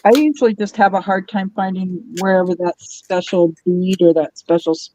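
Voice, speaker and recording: A woman guest on a craft livestream, explaining her beadwork in a relaxed, chatty way. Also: lowish voice, normal speed, rough recording. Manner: relaxed, explanatory, lots of "you know". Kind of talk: casual chat on a live stream.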